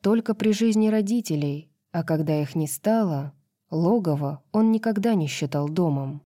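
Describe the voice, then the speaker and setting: A woman narrating an audiobook in a low, mellow voice. Her reading is even and measured, with a dry, close studio sound. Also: dry recording.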